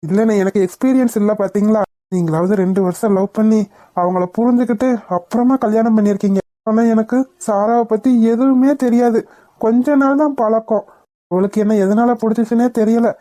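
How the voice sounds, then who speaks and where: A woman's voice: a little high, fairly even intonation, a little fast, mellow, natural voice. A woman voicing a sincere, puzzled young groom in a cartoon. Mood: earnest. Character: earnest, bashful young groom. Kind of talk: cartoon voice acting.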